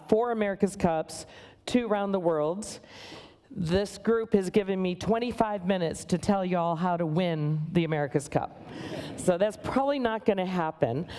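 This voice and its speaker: A middle-aged woman from the United States giving a conference talk to an audience, brisk, wry and plain-spoken. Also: on the low side, mellow. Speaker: guest speaker. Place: conference hall.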